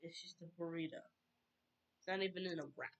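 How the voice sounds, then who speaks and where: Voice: medium pitch, level tone, brisk, a bit bright, highs cut off. A video commentator reacting to a clip with baffled, sarcastic remarks.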